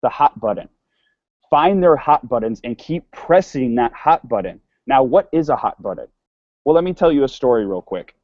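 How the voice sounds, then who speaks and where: A man's voice: mid-range voice, lively intonation, normal speed, no room sound, muffled recording. A man giving an online sales course lecture in a casual way, often repeating words and restarting sentences. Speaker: sales instructor.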